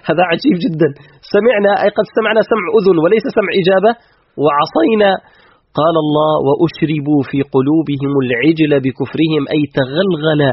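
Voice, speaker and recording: A man's voice: sits high, slightly rough, dry recording, dull audio. A man as guest scholar explaining scripture in a religious lecture, emphatic and full of rhetorical questions.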